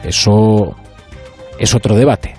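A radio host from Spain delivering a measured, ironic opinion monologue in a studio, with faint music underneath. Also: male voice, on the low side, mellow.

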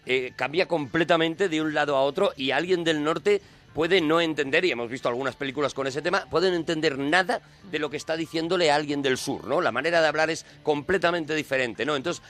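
A man's voice: a little high, brisk, a bit bright, soft background music. A man from Spain with a Spanish accent, co-hosting a radio show and explaining at length with many fillers and restarts. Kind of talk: casual radio chat.

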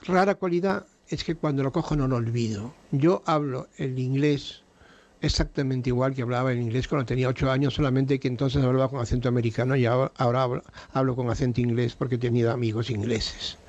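A man's voice: medium pitch, fairly even intonation, quick pace, darkish tone, highs cut off. An older Spanish-speaking man telling stories frankly in a radio interview, with salty words and many restarts. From Spain. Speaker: radio guest.

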